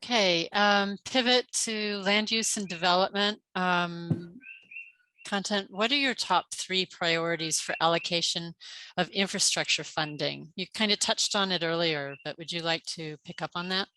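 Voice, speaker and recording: Bright-voiced woman moderator, casual. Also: fairly low pitch, normal speed, low-quality recording. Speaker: forum moderator. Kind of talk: reading interview questions.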